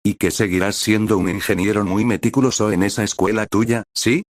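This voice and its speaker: A man reading the lines of a cheerful, determined teenage hero girl in an even, unchanged voice. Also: lowish voice, a little fast, dry recording, studio quality, natural voice. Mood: earnest. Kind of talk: scripted fanfic reading.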